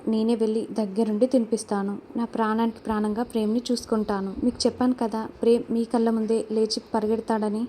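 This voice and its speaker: A woman's voice: on the high side, level tone, fast talker, hardly any pauses, warm tone, a little hiss or hum, natural voice. A woman reading the lines of a rude, scheming young fiancée in a story recap. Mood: boastful.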